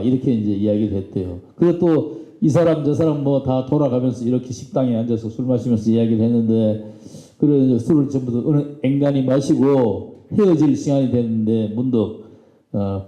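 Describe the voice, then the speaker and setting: A man with a medium-pitched, dark voice gives a public lecture as a visiting author in a lecture hall, telling anecdotes in a folksy way and acting out quoted lines. The recording is roomy with dull, lo-fi sound.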